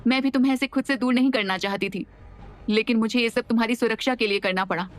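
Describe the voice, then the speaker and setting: A woman's voice: a little high, quick pace, soft background music, close to an everyday voice. A woman voicing a sorrowful mother in a dream who pleads tearfully.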